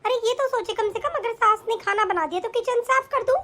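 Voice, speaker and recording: Brief: a woman doing an old cartoon mother-in-law, reproachful and scolding, very high voice. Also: brisk, a bit bright.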